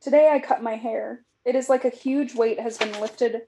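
A woman's voice: fairly high pitch, fairly even intonation, moderate pace, noisy background. A woman in her thirties from California, reflective in casual chat, reading aloud from her old journals and using frequent "like" fillers.

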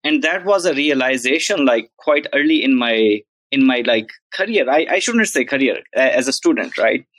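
A man's voice: medium pitch, lively intonation, moderate pace, few pauses, a bit bright, no room sound, rough recording. Earnest male professor. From Pakistan. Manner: earnest, reflective, frequent "like" and "right?". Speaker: guest, journalism professor. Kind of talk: podcast interview storytelling.

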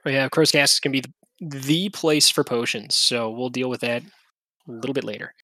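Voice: medium pitch, fairly quick, pushed and bright, no echo. A game master running a tabletop game, casually listing options with lots of fillers. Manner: casual, many fillers and restarts, lists items. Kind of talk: tabletop game narration and chat.

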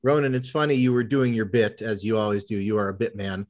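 A man's voice: fairly low pitch, steady tone, a little fast, a little mellow. A man in his thirties co-hosting a sports podcast, talking in a wry, rambling, self-deprecating way. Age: 30s. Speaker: podcast co-host. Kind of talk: casual sports chat.

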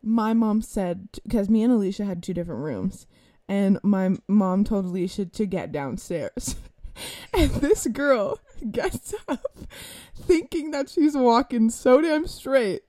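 A young woman co-hosting a podcast, telling stories in casual chat with an amused, lively manner. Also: fairly high pitch, no room sound, studio quality. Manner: lively and amused, breaking into laughter. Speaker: podcast co-host.

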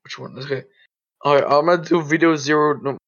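A woman's voice: low-pitched, fairly even intonation, brisk. A woman hosting a casual meme chat, who laughs often and swears freely. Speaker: podcast host. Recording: dull lo-fi mp3 audio.

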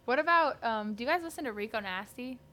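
Bright, chatty young woman co-host. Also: fairly high pitch, fast talker. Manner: chatty, animated, frequent "like" fillers. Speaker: podcast co-host. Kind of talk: casual chat.

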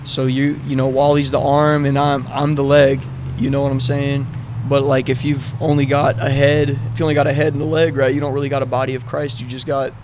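Casting: man, mid pitch, flat intonation, informal rambling conversational delivery, faint outdoor city noise. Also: a little fast. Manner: informal, loosely structured, peppered with "like", "right" and "you know". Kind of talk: casual faith discussion.

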